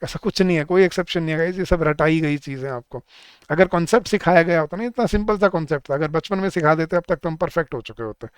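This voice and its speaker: A young man teaching grammar in a live online class, asking his students many questions and reading example sentences slowly. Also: a little high, clean tone, no room sound, studio quality. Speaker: English teacher for bank exams.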